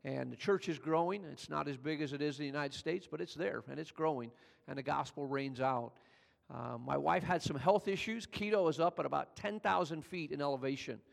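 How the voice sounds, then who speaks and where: An older male pastor from California preaches a sermon in a reverberant hall, his fairly quick, creaky voice staying conversational. As he tells the story, his pitch and volume build.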